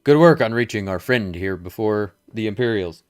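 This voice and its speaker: A dutiful military lieutenant, as a man reads the game lines aloud, formal and clipped. The voice sits a little higher than his own, up close and dry. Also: animated, normal speed, clean tone, no echo, natural voice. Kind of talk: reading game dialogue aloud in character.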